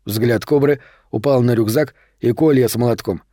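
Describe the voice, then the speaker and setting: Male audiobook narrator, mid-pitched voice, steady measured reading, dry close recording. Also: no room sound. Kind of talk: scripted horror novel narration.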